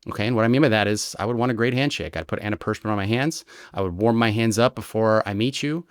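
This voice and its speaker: A man, a retired American federal agent, explaining his methods in an interview with lively examples and frequent "right?" checks. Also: fairly low pitch, fast, smooth, no echo, studio quality. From United States. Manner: animated storyteller, explains with examples and rhetorical "right?". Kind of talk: conversational explanation.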